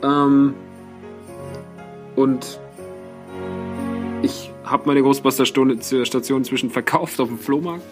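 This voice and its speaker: A man's voice: medium pitch, fairly even intonation, slow pace, pauses often, over music. A young man hosting a podcast, telling a story in a casual, rambling, self-mocking way with many fillers. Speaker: podcast host.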